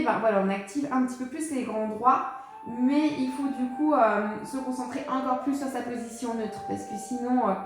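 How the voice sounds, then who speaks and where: A woman with a high voice leads a pilates session, calmly guiding each move and counting the breaths out loud. Her voice rings through a very echoey room. Music plays clearly behind her. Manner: calm, encouraging, counts breaths aloud with casual fillers. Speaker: pilates instructor. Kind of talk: guided exercise class.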